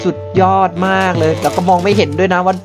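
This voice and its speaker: A man giving excited live gameplay commentary, often exclaiming and repeating words in rapid bursts. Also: sits high. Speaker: game streamer. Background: loud music.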